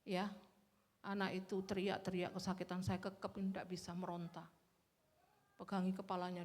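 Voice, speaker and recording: A woman's voice: mid-range voice, vocal fry, a little mellow. A woman preaching a sermon, speaking conversationally and often checking in with "ya" and "kan ya". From Indonesia. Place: church sanctuary. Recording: long hall reverb in a church.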